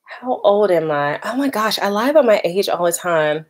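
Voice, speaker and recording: Reading viewer comments aloud, a vlogger in her 30s keeps her live stream casual and chatty, full of "like" and "y'all" and quick laughter. Her voice is medium-pitched and expressive at a moderate pace.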